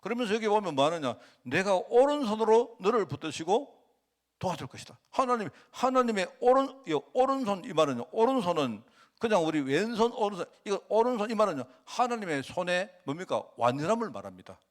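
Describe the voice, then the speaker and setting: A man's voice: high-pitched, very animated, fairly quick. A man gives a sermon in a church with a slightly raised voice that climbs and drops all the time. He talks to the congregation conversationally and keeps tossing them rhetorical questions. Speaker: pastor.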